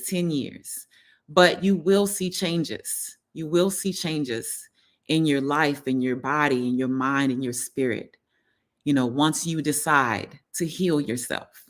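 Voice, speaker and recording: A holistic health coach hosting a casual live stream, talking in an earnest, encouraging way and repeating phrases for emphasis. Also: medium pitch. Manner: repeats phrases for emphasis, many "you know" fillers.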